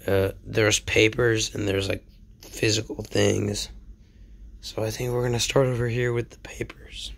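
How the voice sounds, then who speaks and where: This young channel host is a little sick as he rambles through a casual show-and-tell vlog at home, his voice slightly off. He mocks himself and keeps slipping into whispers. His voice leans low, a bit bright, with vocal fry.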